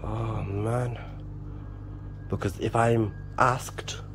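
Here the speaker draws out his words in a flat, lowish voice. A warehouse supervisor in his twenties, he mutters and rambles to his arm's-length phone while working indoors and out in the yard, with swearing under his breath. It's a casual work vlog with noisy phone sound and traffic.

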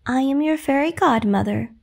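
A woman's voice: high voice, moderate pace, gravelly, voice pushed up. A woman voicing a kindly, cheerful little old fairy godmother in a bedtime story with a sing-song manner.

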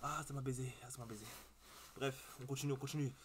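Young male reaction host, casual and slangy, rambles and swears, average pitch, cheap mic. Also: fairly even intonation, fast talker, noisy background. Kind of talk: casual chat to viewers. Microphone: cheap webcam mic.

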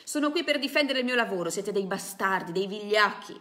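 A woman doing a furious shouting workman. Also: sits high, animated, brisk. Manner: shouting insults, confrontational. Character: furious male worker, rough and defiant.

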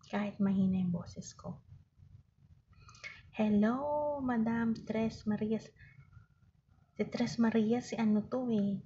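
Casual live-stream host, a woman with a mellow tone who keeps half-whispering to her viewers. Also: medium pitch, muffled recording, a little hiss or hum. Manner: often drops to a whisper, greets viewers by name. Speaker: live-stream seller hosting a giveaway. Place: home with other people around. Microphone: phone camera.

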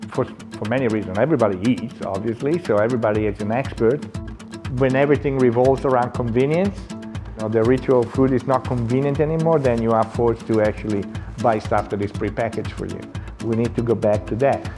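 A man in his forties, a culinary instructor, talking earnestly in a seated documentary interview and pausing often on "uh". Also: medium pitch, music in the background. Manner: earnest, with frequent "uh" fillers. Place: indoor lounge, seated.

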